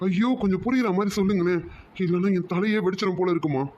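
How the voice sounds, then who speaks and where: A man's voice: sits high, steady tone, quick pace, darkish tone, muffled recording, slight background noise, close to an everyday voice. A man voicing a distressed young man in love in a cartoon, confused and pleading with his mother. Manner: pleading, confused, repeating "amma". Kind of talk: cartoon voice acting.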